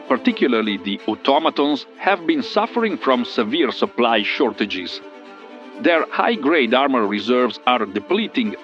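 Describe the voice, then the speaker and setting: A man's voice: mid-range voice, fairly bright tone. A man playing an earnest military intelligence analyst, giving formal, emphatic reports in a scripted sci-fi war bulletin. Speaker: field intelligence correspondent. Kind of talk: scripted wartime news report role-play. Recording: muffled radio-like sound, faint music.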